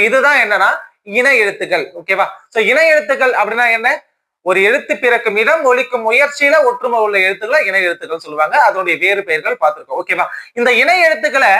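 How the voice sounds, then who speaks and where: A man's voice: high voice, bright, forceful tone. A man teaching an exam-prep grammar lesson who says each key term twice and keeps asking if the class follows. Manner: repeats key terms, keeps checking with "okay?"; slow, dictation-like repetition of terms.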